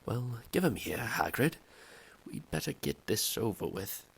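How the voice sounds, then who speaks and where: Dumbledore, calm low old wizard by a man. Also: unhurried, vocal fry, a little hiss or hum, exaggerated voice. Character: old wise male headmaster, calm and dry-humoured.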